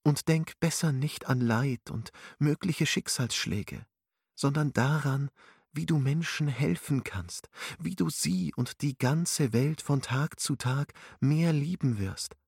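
A man voicing a calm, wise woman who counsels with soothing, gently instructive words. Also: fairly high pitch, slow pace, gravelly, slightly rough, no echo, clean studio sound, pitched above the performer's own voice, heavily acted. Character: calm, wise older female spiritual counselor.

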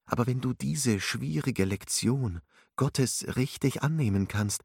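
A man voicing a calm, wise woman who counsels with soothing, gently instructive words. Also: medium pitch, a little slow, gravelly, slightly rough, dry recording, clean studio sound. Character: calm, wise older female spiritual counselor.

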